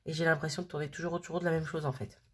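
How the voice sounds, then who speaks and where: A woman's voice: low-pitched, flat delivery, very fast, noisy background. A woman hosting a casual crafting video who chats and thinks aloud with plenty of fillers. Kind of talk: casual crafting tutorial chat.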